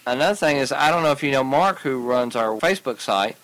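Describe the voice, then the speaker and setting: A man co-hosting a casual podcast, giving practical arcade repair advice in a relaxed way, often restarting his sentences. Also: medium pitch, fairly quick, poor audio.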